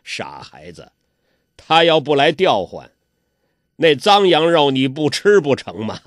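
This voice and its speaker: A man voicing an elderly male master who speaks low and softly, with a sigh in his words. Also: big pitch swings, measured pace, no echo, studio quality. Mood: weary, gentle. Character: old male master, weary and kindly.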